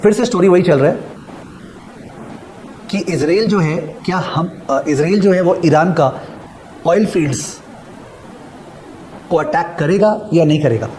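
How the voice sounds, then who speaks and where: A middle-aged man lectures on finance with a fairly high voice. He is emphatic and keeps repeating key phrases, dictating them slowly for students to copy down. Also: a little mellow, slight background noise, low-quality recording. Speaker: finance teacher. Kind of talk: classroom lecture mixing Hindi and English.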